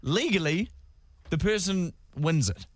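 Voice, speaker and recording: A man's voice: a little high, expressive, measured pace, dry recording. A man with a New Zealand accent chatting casually as a radio co-host. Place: dry radio studio.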